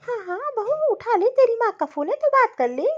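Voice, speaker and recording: A woman voicing a gentle, caring older mother-in-law in a cartoon story, talking softly and fondly. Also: extremely high pitch, sing-song, moderate pace. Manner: soft, fond, soothing. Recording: dull lo-fi audio.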